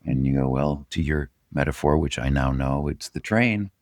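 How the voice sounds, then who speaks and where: Very deep-voiced man, reflective. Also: normal speed, a little mellow, no echo, studio quality. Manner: reflective storyteller. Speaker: podcast host. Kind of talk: casual conversation.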